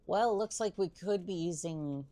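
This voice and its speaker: A woman's voice: on the low side, measured pace, warm tone. A woman livestreaming a video game, chatting casually with playful teasing and hesitant musing aloud. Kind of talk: casual chat over gameplay with in-character asides.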